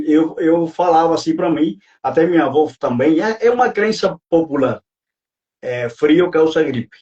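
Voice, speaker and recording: A man's voice: fairly high pitch, warm tone, recorded from a distance, muffled recording. A man from Cuba with a Cuban Spanish accent, speaking Portuguese as a guest expert on a live stream, earnest and hesitant with many fillers.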